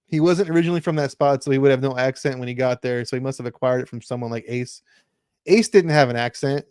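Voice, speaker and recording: A man's voice: medium pitch, fast talker, darkish tone, clean tone, dry recording, clean studio sound. Rambling man chatting on a stream. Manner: rambling, laughs often. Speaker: toy stream co-host. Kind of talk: casual chat.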